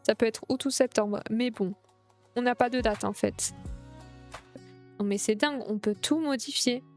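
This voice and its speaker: A young woman streamer chatting excitedly while playing a game, gushing over everything she sees. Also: a little high, normal speed, faint music behind. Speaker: Twitch streamer. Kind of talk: casual gameplay streaming.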